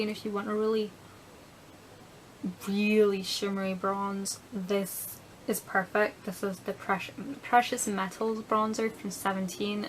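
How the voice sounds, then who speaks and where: A woman's voice: mid-range voice, fairly bright tone, a little hiss or hum, poor audio. A young woman chatting casually through a beauty product review, rambling a bit and dropping into whispered asides. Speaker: beauty vlogger.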